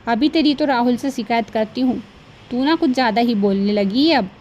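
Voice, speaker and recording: A woman's voice: on the high side, fairly quick, muffled recording, slight background noise, natural voice. A woman doing a nagging bossy mother-in-law. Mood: scolding. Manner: scolding, loud and nagging. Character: bossy middle-aged mother-in-law, scolding and demanding.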